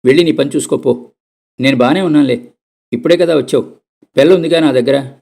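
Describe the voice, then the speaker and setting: A man's voice: mid-range voice, a little fast, vocal fry, darkish tone. A man voicing a stubborn, bedridden old woman in a read-aloud story. She talks in curt, scolding lines.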